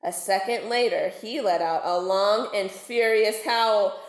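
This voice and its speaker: A woman with a mid-range voice reads a children's storybook aloud in a teacherly way, deliberate and expressive with dramatic emphasis. The home recording is roomy and echoing.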